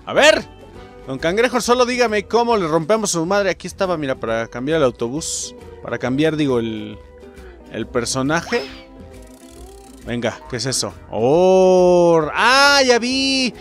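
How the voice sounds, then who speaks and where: Mexican guy playing a game and cussing at it, pitch jumping all over, game music faintly behind. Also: moderate pace. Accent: Mexican Spanish. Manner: excitable, swears and yells at the game. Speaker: gamer host. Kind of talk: let's play commentary.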